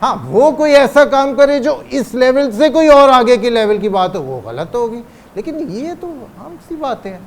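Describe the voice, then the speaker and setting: A man delivers a religious lecture. He poses rhetorical questions and slows down on the phrases he wants to stress. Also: very high-pitched, sing-song. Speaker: cleric giving a religious lecture. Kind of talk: Urdu religious lecture on parenting.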